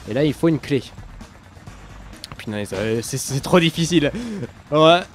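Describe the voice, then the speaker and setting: A young man casually commenting on a shooter game as he plays, rambling, losing his thread and filling pauses with many hesitations. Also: a little high, expressive. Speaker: let's play commentator. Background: game sounds and music.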